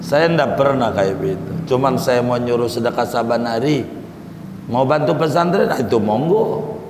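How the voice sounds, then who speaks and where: A man's voice: medium pitch, expressive, moderate pace. A male preacher giving a folksy sermon, repeating his points and addressing the listeners as brothers. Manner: folksy, repetitive, calls listeners "saudara". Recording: echoey hall with faint noise.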